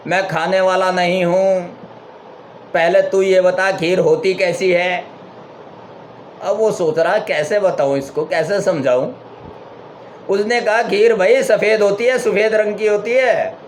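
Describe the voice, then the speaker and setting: A man's voice: high voice, a little hiss or hum. Man telling a spiritual parable. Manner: explains by retelling and rhetorical questions. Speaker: spiritual speaker. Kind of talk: spiritual storytelling talk.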